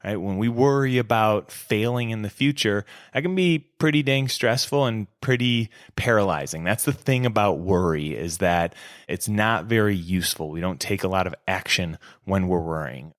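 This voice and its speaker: Candid low-voiced male podcast host. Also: lively intonation, moderate pace, no room sound, studio quality. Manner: candid, reflective, conversational. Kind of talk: casual solo podcast talk.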